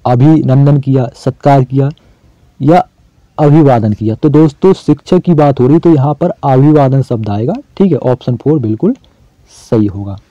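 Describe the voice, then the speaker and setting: A man's voice: mid-range voice, moderate pace, warm tone, dry recording, dull audio. A man teaching an exam-prep lesson in a casual, chatty way, asking questions and answering them himself.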